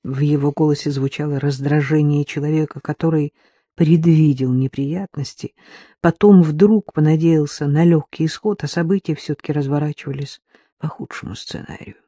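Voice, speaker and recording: A woman narrates a literary novel with measured, emotional delivery. Her voice is warm, soft and a little breathy. The recording is close and dry. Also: sits low, fairly even intonation, no room sound. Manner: measured, emotional, slowing on key phrases. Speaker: audiobook narrator.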